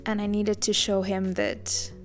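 A woman's voice: medium pitch, flat delivery, a little slow, soft background music. A young woman from Zambia, a guest artist, telling her story in a friendly, chatty way in a casual podcast interview.

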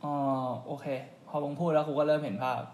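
A man co-hosting a podcast in casual chat, relaxed and joking, with frequent hesitations. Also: a little high, fast, reverberant. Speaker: podcast co-host.

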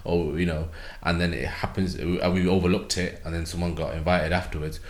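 Deep-voiced man, roomy echo. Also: little pitch movement, brisk. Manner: rambling, many fillers and restarts. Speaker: podcast guest from an event organisation. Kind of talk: casual podcast conversation.

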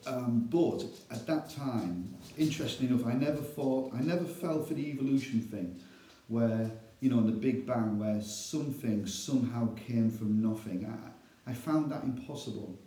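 A man's voice: mid-range voice, normal speed, few pauses, dark tone, echoey room, low-quality recording. A middle-aged man with a Northern English accent, a church elder telling his story in a casual interview, chatty and self-deprecating.

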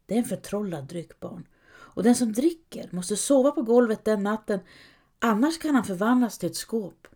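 A woman's voice: medium pitch, expressive. A woman doing a weary, breathless young wife. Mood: storytelling. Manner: breathless, gentle storytelling to children.

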